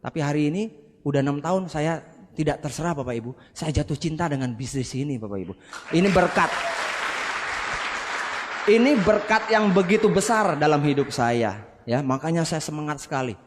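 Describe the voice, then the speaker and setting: Seminar speaker, male, high-pitched, animated storyteller, hall reverb. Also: fairly quick, a crowd in the background, background noise. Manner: animated, acts out quoted dialogue, addresses the audience directly. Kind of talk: motivational storytelling to an audience.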